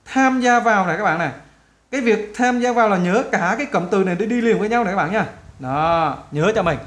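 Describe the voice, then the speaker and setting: Guy teaching english, chatty, sounds out words slow bit by bit, roomy echo. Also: high voice, animated, fairly bright tone. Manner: chatty, repeats words slowly syllable by syllable. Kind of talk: video lesson, explaining and modeling pronunciation.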